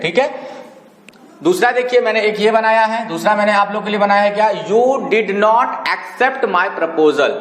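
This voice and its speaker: A man teaching a lesson, spelling words letter by letter, reading example sentences slowly and often asking whether his students have understood. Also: high voice, fairly bright tone. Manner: keeps checking understanding with "clear?" and "okay?". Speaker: English teacher. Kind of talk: classroom-style lesson explaining homophones. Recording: echoey room with long reverb.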